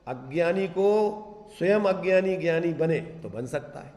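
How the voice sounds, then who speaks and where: A man giving a Jain scripture discourse, asking his listeners rhetorical questions and slowly chanting verse lines. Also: fairly high pitch, expressive, a little mellow. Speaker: Jain religious teacher. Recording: echoey hall.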